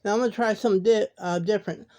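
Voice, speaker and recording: Mellow-voiced woman hosting a horror channel. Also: medium pitch, very fast. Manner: relaxed, chatty, repeats "now". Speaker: horror story channel host. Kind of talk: casual chat to viewers.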